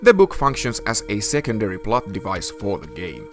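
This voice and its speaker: Low-voiced man. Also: wildly swooping pitch, normal speed, soft background music. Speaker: video game reviewer. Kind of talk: scripted narration, retro game review.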